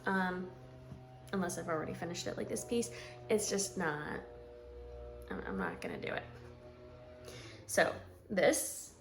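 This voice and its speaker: Chatty woman in her forties, slightly gravelly. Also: mid-range voice. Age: 40s. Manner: rambling, frequent ums and clearing her throat. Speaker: stitching vlogger. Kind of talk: casual chat to camera.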